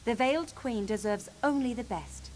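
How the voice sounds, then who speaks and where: A woman's voice: a little high, normal speed, a little mellow, slight background noise, lightly acted. A woman voicing a curt, stern officer. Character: stern female officer overseeing combat trial.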